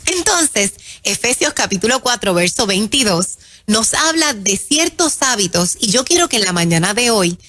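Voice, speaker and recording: A woman preaching in an emphatic sermon style on a radio show, calling her listeners her children and slowing down to stress key phrases. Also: fairly high pitch, sing-song. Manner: warm, emphatic, addresses listeners as "mis hijos".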